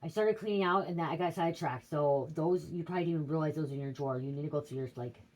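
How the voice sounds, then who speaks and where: In poor audio, a middle-aged woman with a deep, darkish voice talks very fast through a rambling psychic tarot reading on a casual livestream. She wanders off subject, swears freely, and keeps checking "okay?"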